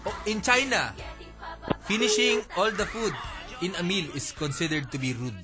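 A man's voice: high-pitched, sing-song, unhurried. A man co-hosting a radio show, chatty and playful in casual banter. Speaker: radio co-host. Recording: radio show with music behind.

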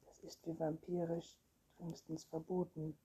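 Woman reading as a young boy vampire, cheeky, dark breathy tone, unhurried. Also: low-pitched, little pitch movement, exaggerated voice, low-quality recording. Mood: telling.

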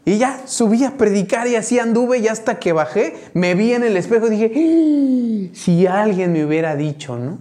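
A man's voice: high-pitched, a little fast, hardly any pauses, darkish tone. A man with a Mexican accent preaching a conversational sermon, often checking in with his congregation. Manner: chatty, keeps checking in with the congregation. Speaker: pastor.

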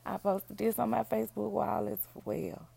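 A woman with a raspy, hoarse voice, sounding unwell as she chats casually to her podcast listeners in a down-home way. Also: medium pitch, flat delivery, normal speed, dark tone. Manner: down-home, addresses listeners as y'all and baby. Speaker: podcast host, book reviewer. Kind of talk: casual solo podcast chat.

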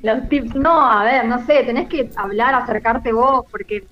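A woman's voice: a little high, a little slow. A woman with an Argentine accent, a guest calling in from abroad for a casual radio chat, who laughs often and repeats herself. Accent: Argentine Spanish. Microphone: remote call with delay. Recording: dull, muffled remote call.

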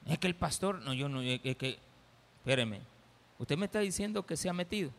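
Bright-voiced Salvadoran pastor preaching. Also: male voice, fairly high pitch, lively intonation, a little fast, vocal fry. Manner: folksy, teasing, acts out little scenes. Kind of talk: sermon. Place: church. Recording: church hall reverb.

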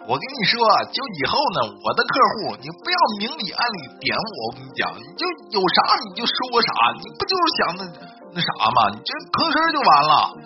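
A man with a slightly high, very animated voice, rambling through comic anecdotes and often breaking into loud laughter at his own jokes. The sound is dull and lo-fi, with loud music playing behind him. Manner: keeps checking in with the listener. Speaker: joke-telling host. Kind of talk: casual comedic storytelling monologue.

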